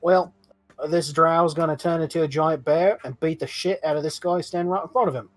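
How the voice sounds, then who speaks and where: A man playing a tabletop game, talking in a laid-back, crude, deliberate way. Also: a little high, fairly even intonation, faint music behind. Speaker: player. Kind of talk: casual banter at a game table. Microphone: headphones with mic over voice chat.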